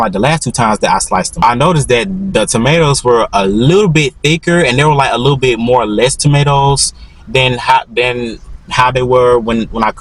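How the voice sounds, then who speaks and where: A man's voice: mid-range voice, rough recording. A young man in his twenties telling a storytime as a vlogger, rambling with constant restarts and repeated "literally". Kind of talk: storytime monologue.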